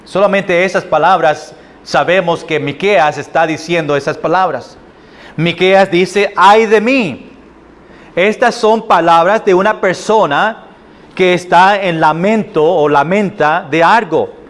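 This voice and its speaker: A man with a Puerto Rican accent preaching a sermon as pastor, halting often with fillers and restarts. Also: high-pitched. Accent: Puerto Rican Spanish. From Puerto Rico. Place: church sanctuary.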